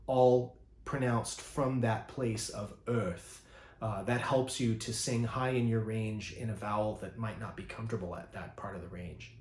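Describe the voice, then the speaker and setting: A man teaching poetry in a relaxed, thoughtful way, pausing often with ums and uhs. His voice sits in an ordinary middle range. The sound carries a noticeable roomy echo. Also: mid-range voice. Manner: thoughtful, fond of words, many ums and uhs. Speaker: poet teaching a master class. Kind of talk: informal spoken lesson.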